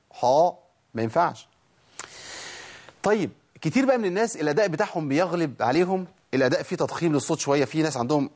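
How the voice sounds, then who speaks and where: A man with an Egyptian Arabic accent teaching Quran pronunciation. He asks questions and answers them himself, and draws out the sounds he demonstrates slowly. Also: mid-range voice. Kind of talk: pronunciation lesson.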